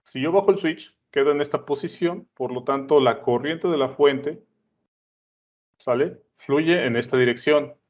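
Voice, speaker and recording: A man's voice: on the high side, unhurried. A man explaining a lesson at a board, chatty, often checking in with his listeners. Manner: conversational, checks in with "¿sale?" and "¿no?". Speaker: teacher. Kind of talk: explaining at a whiteboard. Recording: dull lo-fi sound.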